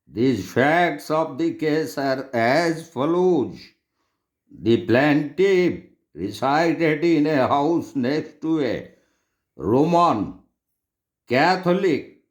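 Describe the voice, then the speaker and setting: A man teaching law, reading out and solving problems in a slow, deliberate lecture with long pauses. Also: fairly high pitch.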